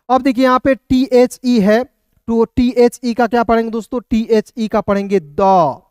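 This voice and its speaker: Guy teaching english reading online, spells every word out letter by letter, smooth clear voice, dry sound. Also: high-pitched, a little mellow, no echo. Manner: spells words letter by letter, often calls listeners friends.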